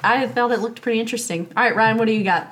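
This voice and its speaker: Relaxed woman co-hosting a board game chat. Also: on the high side, rapid-fire. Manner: relaxed, with fillers. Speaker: podcast co-host.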